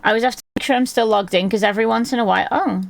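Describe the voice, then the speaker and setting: A woman streamer with a hoarse, gravelly voice chats casually with her live viewers from her desk, rambling and laughing often. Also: fairly high pitch, very fast, dry recording. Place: at a desk indoors.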